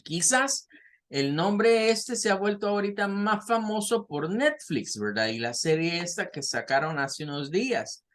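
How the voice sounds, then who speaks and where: A man with a Latin American Spanish accent teaching an English lesson, patiently explaining and repeating words slowly for pronunciation. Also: high-pitched, animated, fairly bright tone.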